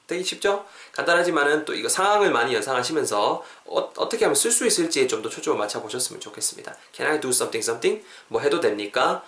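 A man hosting a podcast English lesson, explaining phrases in an energetic way and switching into English phrases. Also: medium pitch, roomy sound. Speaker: English teacher, podcast host.

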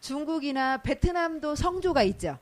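Woman, radio host, casual chat, lively pitch, a bit high, laughs easily. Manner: lively, laughs often, plays out quick examples.

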